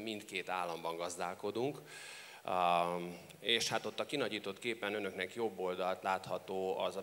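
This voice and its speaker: A man working as a live consecutive interpreter, with a halting delivery. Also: deep voice, a bit bright. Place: large reverberant hall. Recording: echoey hall with background noise.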